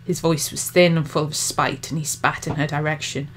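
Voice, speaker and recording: Woman reading her dark fantasy aloud. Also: low voice, a little hiss or hum. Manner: expressive, measured storytelling. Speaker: author reading her novel. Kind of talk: audiobook narration.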